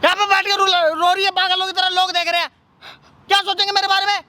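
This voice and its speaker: A woman's voice: very high voice, flat delivery, fast talker, bright, forceful tone. A woman playing a callous young man, scolding. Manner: scolding, dismissive, repeatedly ordering silence. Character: callous young man dismissing his pregnant girlfriend. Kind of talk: staged street prank drama. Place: outdoor city park.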